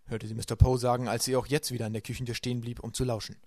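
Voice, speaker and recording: A man reading a children's novel aloud as a homemade audiobook, in brisk, even storytelling. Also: medium pitch, no room sound, studio quality. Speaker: audiobook narrator.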